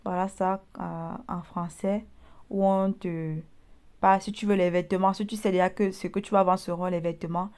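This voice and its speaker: A woman's voice: fairly low pitch, flat delivery, moderate pace, darkish tone. A young woman from Cameroon, chatting directly to viewers while walking through a screen-recorded tutorial. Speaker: online business vlogger.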